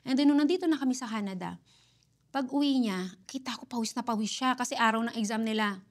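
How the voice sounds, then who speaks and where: A Filipina mother of four, a guest on an interview show, telling family stories in a lively conversational way and switching between Tagalog and English. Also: fairly high pitch, fast talker. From Philippines. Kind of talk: casual interview storytelling. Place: Canada.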